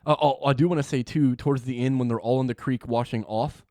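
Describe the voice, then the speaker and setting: Brief: young male co-host, mid-pitched, easygoing and frank, dry close mic. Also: fairly even intonation, quick pace, dark tone, no echo. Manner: easygoing, laughs often, frank. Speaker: podcast co-host. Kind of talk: casual chat.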